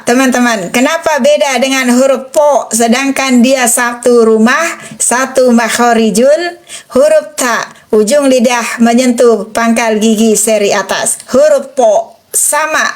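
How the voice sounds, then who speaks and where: A woman teaching Quran letter pronunciation in an online lesson, patiently repeating and drilling each sound. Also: fairly high pitch.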